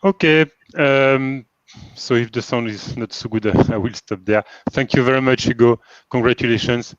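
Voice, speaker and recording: A man's voice: medium pitch, steady tone, moderate pace, no echo. A man on a thesis jury giving short congratulatory closing remarks. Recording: muffled, dry video-call audio.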